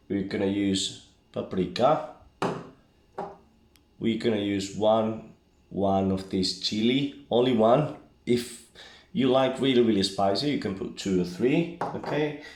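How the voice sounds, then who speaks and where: A man with a Basque accent and non-native English gives a casual, halting, step-by-step cooking tutorial as an amateur home cook. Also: fairly low pitch, a little mellow. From Basque Country. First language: not English. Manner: halting, step-by-step, often checking with "okay?". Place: home kitchen, indoors. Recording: echoey room, background hiss and clicks.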